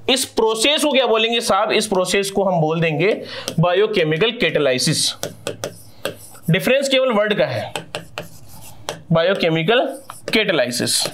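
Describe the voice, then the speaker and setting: Indian male teacher, lighter high voice, rhetorical question-and-answer lecturing. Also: fairly bright tone, a little hiss or hum. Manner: asks questions and answers them himself, calls listeners sahab. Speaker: chemistry teacher. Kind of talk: live class lecture.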